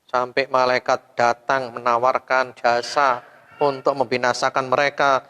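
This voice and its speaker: An Islamic preacher delivers a sermon to a women's study group, constantly firing rhetorical questions, leaping up loud and then sinking to soft, trailing endings. His middle-pitched voice is smooth, a little slow and fairly flat in pitch, ringing with a long hall reverb.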